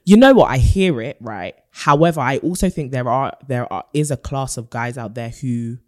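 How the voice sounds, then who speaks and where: Male podcast co-host, London accent, mid pitch, close dry sound, conversational with urban slang. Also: moderate pace, darkish tone, dry recording. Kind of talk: casual chat.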